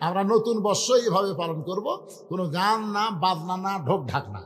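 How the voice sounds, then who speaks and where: Fiery high-voiced preacher in a reverberant space. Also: male voice, fairly quick. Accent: Bangladeshi Bengali. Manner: fiery, swings from hushed storytelling to shouted chanting. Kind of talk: sermon. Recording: long hall-like reverb.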